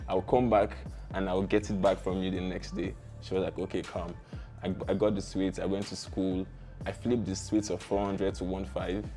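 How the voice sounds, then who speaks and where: A man's voice: deep voice, flat delivery, normal speed, warm tone, faint music behind. A young Nigerian man with a Nigerian accent, a startup founder relaxedly telling his life story in an interview, with slangy asides and easy laughs.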